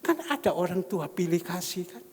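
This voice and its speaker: Animated pastor in echoing hall. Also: male voice, sits high, normal speed, breathy edge. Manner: animated, swinging from shouts to hushed whispers. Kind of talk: sermon. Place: large church hall. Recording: long church reverb.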